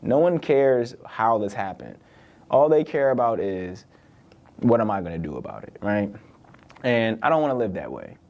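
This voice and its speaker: Young man, casual solo podcast talk, lowish voice, loose and conversational, lots of "like". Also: sing-song, normal speed, creaky, muffled recording. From born in the UK, raised in Virginia. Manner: conversational, loose, with frequent "like" and "right?". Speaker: podcast host.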